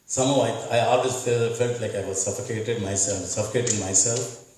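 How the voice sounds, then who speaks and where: A man's voice: on the low side, steady tone, a little fast, darkish tone, slight background noise. A middle-aged man with an Indian accent gives an earnest debate speech as a candidate, telling his story and often repeating words. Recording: echoey room from far off.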